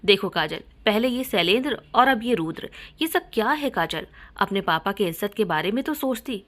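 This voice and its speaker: A woman's voice: medium pitch, expressive, normal speed, natural voice. A woman voicing a strict middle-aged uncle who scolds his niece in a story. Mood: stern.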